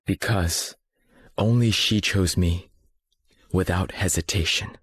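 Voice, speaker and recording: Cool resolute young man in a drama dub, low voice, firm and measured, very dry sound. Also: steady tone, a bit bright, slightly rough, no echo, exaggerated voice. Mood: calm resolve. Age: young adult. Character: cool, resolute young man spurning old childhood friends.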